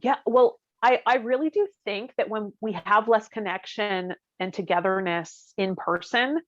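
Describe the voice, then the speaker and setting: This woman speaks at an unhurried pace in a mid-range voice while co-hosting a podcast, musing casually and laughing often in a giggly way. There's no echo, and the audio is dull, lo-fi and dry.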